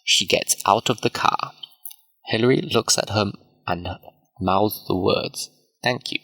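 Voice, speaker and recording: A man reading a story aloud slowly and clearly for English learners. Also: lowish voice, a bit bright, low-quality recording. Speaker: narrator. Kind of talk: slow scripted story narration for English learners.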